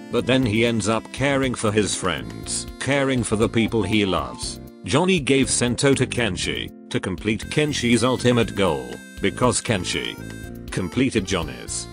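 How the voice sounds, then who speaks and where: Male game reviewer, scripted commentary, low animated voice, blunt and sweary, music bed. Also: measured pace. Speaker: video game story reviewer.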